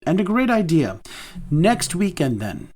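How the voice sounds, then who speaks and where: A man voicing a grumpy, reserved older man who speaks tersely and haltingly in a romance audiobook. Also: high-pitched, very animated, darkish tone, heavily acted. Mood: gruff.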